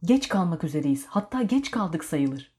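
A woman voicing an older man who is a hurried, bossy time traveler, barking urgent orders. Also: on the low side, big pitch swings, dark tone.

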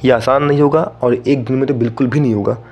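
A young Indian man hosts a solo podcast, talking casually and directly to listeners and mixing English phrases into his sentences. He speaks fast at a medium pitch with a darkish tone and fairly even intonation, with faint music in the background.

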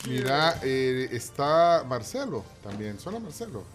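A man's voice: mid-range voice, very animated, unhurried. A man hosting a morning radio show, chatting casually and introducing jokes sent in by listeners. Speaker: radio host. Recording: music bed behind the voice.

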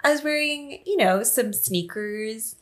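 A woman's voice: on the high side, measured pace. Laughing young woman telling a story. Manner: animated storytelling, laughs often. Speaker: podcast co-host. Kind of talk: casual chat.

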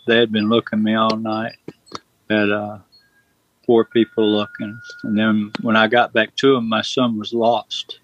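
A man's voice: lowish voice, a bit bright, slight background noise. A man, telling a personal story in a rambling, plain-spoken way and correcting himself often. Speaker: guest recounting a personal experience. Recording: dull lo-fi sound.

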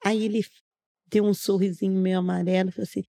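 A woman's voice: medium pitch, little pitch movement, fast, vocal fry, mellow. A middle-aged woman from Brazil, earnestly telling a personal testimony on a podcast, narrating step by step and acting out what others said. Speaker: guest giving a testimony. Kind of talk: casual storytelling on a podcast.

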